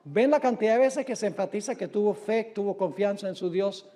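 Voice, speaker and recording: A man preaching a sermon who reads scripture aloud with dramatic, drawn-out emphasis and asks his listeners rhetorical questions. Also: high-pitched, dark tone.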